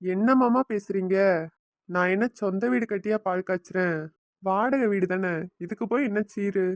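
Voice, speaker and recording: A woman's voice: mid-range voice, moderate pace, no echo, natural voice. Woman voicing a blunt, sarcastic young son-in-law. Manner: sarcastic, reproachful. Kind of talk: family cartoon voice acting.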